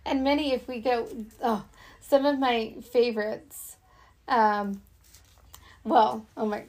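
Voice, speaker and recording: A woman co-hosting a casual faith chat, quick to agree and laugh along. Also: fairly high pitch, fairly even intonation. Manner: warm affirming listener, giggly. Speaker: co-host.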